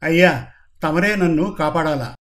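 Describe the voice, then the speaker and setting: Humble, frightened man on the run, pleading; male narrator voices him, slightly high pitch. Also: unhurried, a bit bright.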